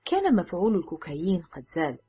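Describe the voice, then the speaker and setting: A woman reads a thriller aloud in a measured, dramatic way. Her voice is low and very husky. Faint music plays underneath. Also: wildly swooping pitch, mellow. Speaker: audiobook narrator. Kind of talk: scripted narration.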